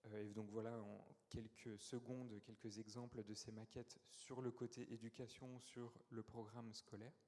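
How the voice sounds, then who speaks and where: Male founder pitching, mellow mid voice, hesitant explainer, reverberant hall. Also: level tone, moderate pace, hardly any pauses. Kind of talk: conference pitch. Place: conference hall.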